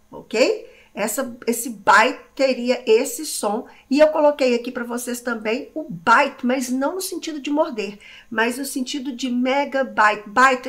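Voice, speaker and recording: A Brazilian woman in her forties teaching an English lesson online, talking chattily and directly to her students. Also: high voice. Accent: Brazilian Portuguese. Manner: lively, chatty, talks straight to her students.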